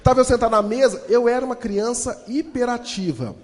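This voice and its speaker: A man, telling a humorous story to an audience in an animated, fast-talking way. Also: very high voice. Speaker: motivational storyteller. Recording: long hall reverb.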